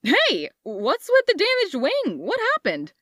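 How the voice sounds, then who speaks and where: Woman playing bubbly, flirty Mary Jane, wildly animated. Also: sits high, unhurried, no echo, studio quality, full character voice. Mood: flirty, upbeat. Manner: playful, theatrical, teasing. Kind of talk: comic dub voice acting. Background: music.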